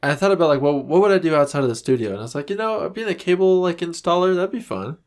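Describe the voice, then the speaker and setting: A man co-hosting a podcast in loose, joking conversation. His pitch swings widely as he acts out scenes and riffs with his partner. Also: fast. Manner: animated, jokey, acts out scenes. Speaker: podcast co-host. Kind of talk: casual comedic chat.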